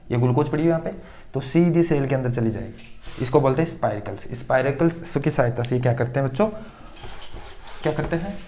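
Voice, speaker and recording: A man teaching a school science class. He asks his pupils a question, answers it himself, then repeats the term again. His pitch sits in the middle of the usual male range. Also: a little mellow. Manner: addresses students fondly as children. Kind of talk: classroom-style science lesson.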